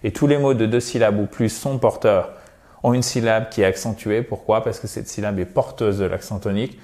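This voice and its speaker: A man giving a video English lesson, explaining suffixes and stressed syllables and repeating example words slowly and carefully. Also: on the low side, steady tone. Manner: addresses viewers warmly as "chers amis". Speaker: English teacher.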